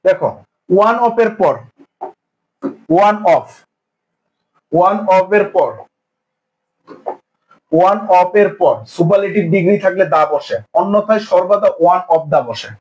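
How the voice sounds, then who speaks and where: A man's voice: high voice, takes it slowly, long pauses, a little mellow, low-quality recording. A young man teaching an exam-prep grammar lesson, asking questions and answering them himself in repeated drills. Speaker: English teacher.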